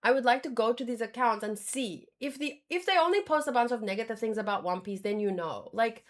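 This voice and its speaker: Her voice a little high and her pace fairly quick, a woman offers casual livestream commentary while reacting to manga. She keeps reworking her phrasing as she talks.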